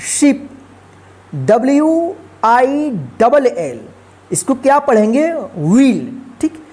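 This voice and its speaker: A woman's voice: a little high, a little mellow. A woman teaching English pronunciation rules, spelling words letter by letter and repeating them patiently. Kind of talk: phonics lesson.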